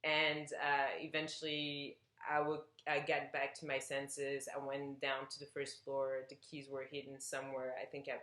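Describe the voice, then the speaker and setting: A woman's voice: extremely low pitch, monotone, moderate pace, hardly any pauses, a bit bright, reverberant. A woman from Belgium chatting casually to camera, telling a personal story with lots of fillers and restarts. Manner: hesitant, rambling, with many fillers and restarts. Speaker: vlogger.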